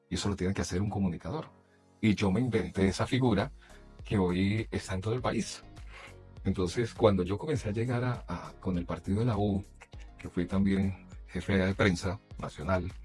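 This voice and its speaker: Low-voiced Colombian journalist telling stories. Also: male voice. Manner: animated anecdotes with frequent laughter. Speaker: journalist and announcer. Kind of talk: casual interview storytelling.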